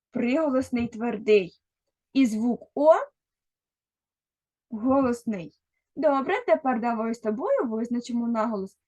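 Her voice a little high and darkish in tone, a Ukrainian-accented woman teaches literacy to a first grader, addressing the young child directly and patiently.

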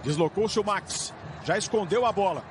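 A Brazilian man doing explosive football goal commentary, stretching and shouting his calls at chances. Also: high voice, moderate pace. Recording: noisy stadium match broadcast.

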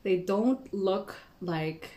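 A woman's voice: mid-range voice, drawn-out words, dark tone. A young woman thinking aloud in a casual live stream, weighing tasting notes like a sommelier. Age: young adult. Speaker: tea taster, live stream host. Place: small indoor room at a table. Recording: echoey room with some background noise.

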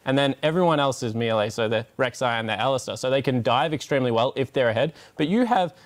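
A man's voice: medium pitch, lively intonation, fast talker. A man on an esports analyst desk breaking down a loss, critical and blunt about who was at fault.

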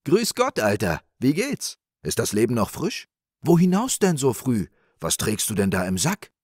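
A man's voice: lowish voice, very animated, normal speed, no room sound, clean studio sound, pitched above the performer's own voice. A man voicing a greedy, blustering rich peasant in a spoken fairy tale. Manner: loud and blustering.

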